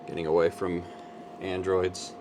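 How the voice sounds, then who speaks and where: A man with a deep voice chats casually as a show co-host. The recording carries a clear, steady background hum throughout. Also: measured pace. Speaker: co-host, cigar lounge proprietor. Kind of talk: casual chat.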